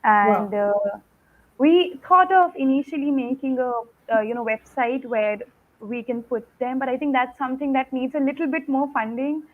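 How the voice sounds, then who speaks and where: A woman's voice: sits high, normal speed. A woman, speaking earnestly and emphatically as a guest over a bad video call connection. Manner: earnest, emphatic, repeats "absolutely". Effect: tinny, phone-like sound over a bad video call connection. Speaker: guest, foundation founder. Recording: tinny, lo-fi video call line.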